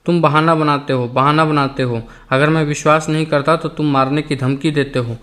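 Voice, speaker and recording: A man's voice: fairly high pitch, fairly even intonation, moderate pace, fairly bright tone, close to an everyday voice. A man voicing a frail, sickly old Englishman who whines tearfully and pants for breath, in an audiobook. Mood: whining.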